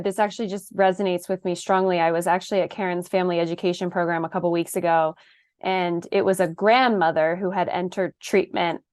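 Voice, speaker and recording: A woman's voice: on the low side, clear, resonant tone, no echo, clean studio sound. A woman in her thirties, a panel guest, talking earnestly and telling a personal story in a casual discussion. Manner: earnest, storytelling, quick asides.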